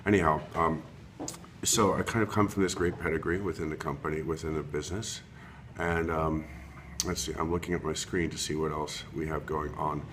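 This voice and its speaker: Speaking into his computer webcam with fairly even intonation, a low-voiced man in his fifties gives a self-recorded, unplanned introduction. He's an interior designer from Long Island, New York, and he halts often, saying um and starting sentences over. Faint background hiss is present.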